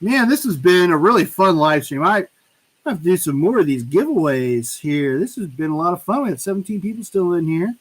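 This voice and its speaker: A man hosting a casual live stream giveaway, chatty and drawn-out, playfully repeating himself. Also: sits high, animated, husky, rough recording.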